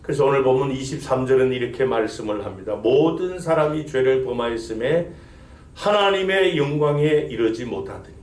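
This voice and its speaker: A senior pastor with a medium-pitched, brisk voice preaches a sermon, building emphasis and putting rhetorical questions to the congregation. It's recorded in an echoey church sanctuary.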